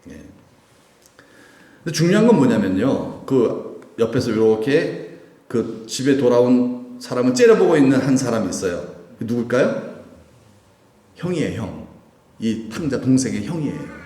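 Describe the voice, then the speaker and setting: A man's voice: mid-range voice, sing-song, normal speed, long pauses, mellow. A man preaching a Sunday sermon, putting questions to the congregation as he goes. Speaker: pastor. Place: church sanctuary. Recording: echoey church hall with long reverb.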